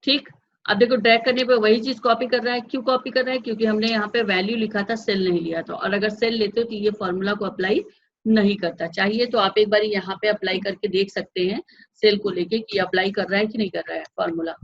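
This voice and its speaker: A woman's voice: mid-range voice, steady tone, quick pace, dull audio. A woman teaching a computer class, patiently walking through each step and checking that the class follows. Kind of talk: step-by-step software lesson.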